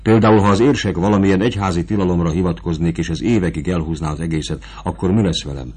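Man reading as a young prince, lovesick and anxious, deep voice, earnest storybook reading. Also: darkish tone, breathy edge.

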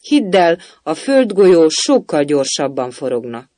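A man's voice: on the high side, sing-song, dark tone, dry recording. A man voicing a bad-tempered noble duchess who barks and scolds rudely. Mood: gruff shouting. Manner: rude, barking, scornful.

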